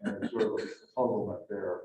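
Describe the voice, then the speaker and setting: A man speaks haltingly and tentatively in a casual discussion. He is off at a distance in an echoey room, with faint noise behind him. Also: on the low side, fairly even intonation, warm tone. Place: indoor room at a book club meeting. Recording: echoey room, distant mic, dull and noisy.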